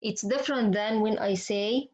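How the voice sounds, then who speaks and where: A native Arabic speaker with an Arabic accent teaches recitation rules step by step in an explanatory lesson with recited examples. Her medium-pitched, slightly mellow voice moves at a moderate pace as she repeats points and asks questions she then answers herself. The class audio is dull and lo-fi.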